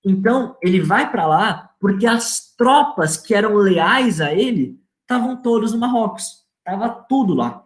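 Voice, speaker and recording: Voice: medium pitch, animated, measured pace, few pauses. Slangy Brazilian teacher in an echoey room. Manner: informal and slangy, asks students rhetorical questions. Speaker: history teacher. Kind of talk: casual online history lecture.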